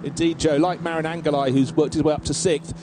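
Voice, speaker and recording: Fairly high-voiced male motorsport commentator. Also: steady tone, quick pace, noisy background. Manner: motorsport commentator adding analysis and storytelling. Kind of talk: live race commentary.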